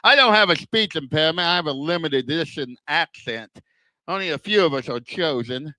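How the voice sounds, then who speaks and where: An older male stand-up comic speaks in a fairly high, bright voice. His heavy lisp slurs words and whistles on wet S sounds, as if he had no front teeth. He sets up self-deprecating punchlines deliberately, and the sound is close and dry. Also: expressive, dry recording, poor audio. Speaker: stand-up comedian. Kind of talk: stand-up comedy routine.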